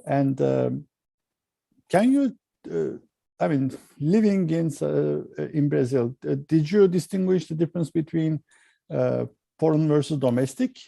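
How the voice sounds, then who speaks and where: A man's voice: on the high side, expressive, unhurried, gravelly, mellow, dry recording. A man hosting an interview, reading a guest introduction with fillers and slips, then asking questions. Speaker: interview host.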